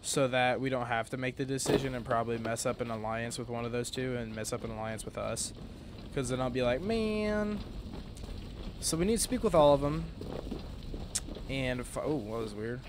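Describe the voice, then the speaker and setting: A man's voice: mid-range voice, little pitch movement, brisk, noisy background. A man giving casual, rambling gameplay commentary, sleepy and yawning, correcting himself often. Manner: rambling, many fillers and restarts, self-correcting. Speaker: gaming commentator.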